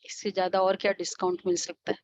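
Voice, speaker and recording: A woman with an Indian accent, a spiritual teacher giving a devotional class lecture, explaining and asking the class questions with soft hums. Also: on the low side, completely flat delivery, fast, highs cut off.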